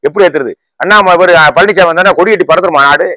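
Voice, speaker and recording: A man, a political YouTuber, giving a heated rant to camera in a combative voice full of rapid rhetorical questions. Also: sits high, sharp tone, no room sound, rough recording. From Tamil Nadu.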